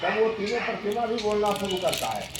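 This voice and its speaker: A man's voice: high-pitched, fairly quick. Man explaining temple lore over noise. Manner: recites lore in a steady explanatory flow. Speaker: temple priest. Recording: noisy outdoor background.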